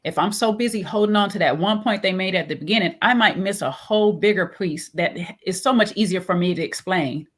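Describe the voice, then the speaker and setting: A woman co-hosting a casual chat, animated and laughing often, acting out both sides of an argument. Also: mid-range voice, brisk, few pauses. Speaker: co-host.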